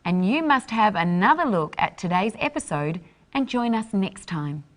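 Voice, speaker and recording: Lively woman teaching English. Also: medium pitch, slight background noise. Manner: clear, deliberate teaching delivery. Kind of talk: scripted lesson narration.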